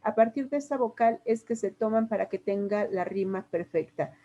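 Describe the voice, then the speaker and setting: A woman's voice: medium pitch, normal speed, dark tone, lo-fi sound. A woman with a Mexican Spanish accent, a literature teacher patiently explaining poetry to a class step by step with examples. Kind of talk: classroom lesson.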